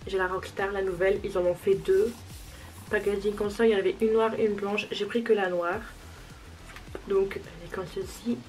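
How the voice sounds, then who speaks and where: A young woman talks through her makeup routine in a loose, chatty way, poking fun at her own mistakes as she goes. Her voice sits at an ordinary middle pitch, and soft music plays faintly behind her. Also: steady tone, moderate pace, rough recording. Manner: chatty, self-deprecating, talks while applying makeup. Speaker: beauty vlogger. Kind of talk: casual makeup tutorial chat.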